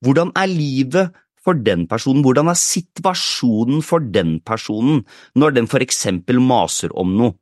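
A man's voice: mid-range voice, lively intonation, hardly any pauses, no room sound, clean studio sound. A man co-hosting a podcast, explaining ideas through a stream of rhetorical questions in casual chat. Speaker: podcast co-host.

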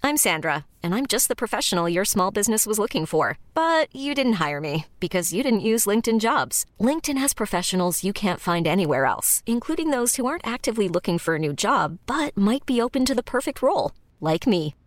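A woman playing a self-assured professional in an ad, pitching herself to employers. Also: very animated, moderate pace, hardly any pauses, dry recording, natural voice. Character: confident female job candidate. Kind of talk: scripted ad read.

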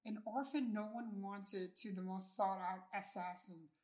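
A woman narrates a scripted first-person story at an unhurried pace. Her reading is measured and even, set at a middle pitch. The recording has a noticeably roomy echo around her voice.

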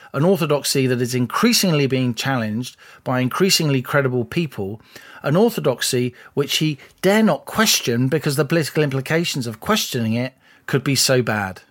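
A man co-hosting a political podcast, laying out his analysis in a measured, deliberate way. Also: mid-range voice. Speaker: podcast co-host, columnist.

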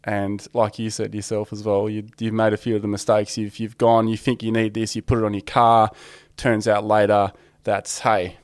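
A man's voice: fairly low pitch, completely flat delivery, moderate pace, clear, resonant tone, dry recording. An Australian man talking as a podcast guest in an informal, matey, conversational way. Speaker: podcast guest with own four-wheel drive channel. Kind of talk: casual chat.

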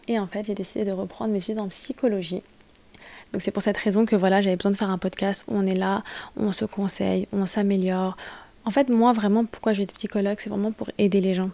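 Talking alone on her podcast, a woman in her late twenties keeps pausing and starting her sentences over as she speaks off the cuff. She has a mid-pitched voice with a dark tone.

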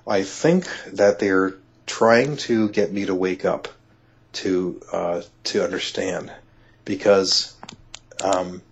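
A man talking as an interview guest, telling a personal story in a halting way, full of restarts and "you know", and he gets excited when he is amazed. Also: sits low, gravelly, husky. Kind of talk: conversational storytelling. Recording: dull lo-fi audio.

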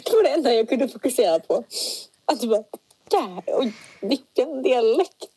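A young woman with a Scanian accent co-hosts a laid-back podcast, teasing her friend as they talk. Her voice is mellow and slightly husky. The recording is dry and close. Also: on the high side, expressive, no echo, poor audio. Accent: Scanian Swedish. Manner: teasing, quick to poke fun. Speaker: podcast co-host. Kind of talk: casual chat.

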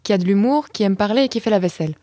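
Mellow-voiced woman podcast host. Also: medium pitch, lively intonation, racing, dry recording. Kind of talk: interviewing a guest.

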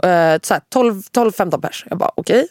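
A young woman telling a wild story in casual podcast chat. She is animated, swears a lot and often drops English phrases into her talk. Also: fairly low pitch, dry recording, studio quality.

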